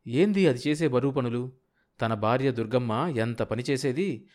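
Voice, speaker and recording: A man's voice: mid-range voice, animated, moderate pace, darkish tone, natural voice. A man doing a grumbling resentful old villager. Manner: muttering rhetorical inner grumbling.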